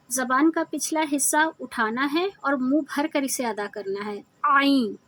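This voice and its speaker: Woman, high voice, tajweed lesson, patient, explanatory, demonstrates sounds. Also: fairly bright tone. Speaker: Quran recitation teacher.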